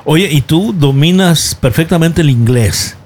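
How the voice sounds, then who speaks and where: A male radio host with a somewhat high voice welcomes and questions a guest in the studio. He keeps it friendly and conversational. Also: animated, a little slow, darkish tone. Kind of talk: radio interview.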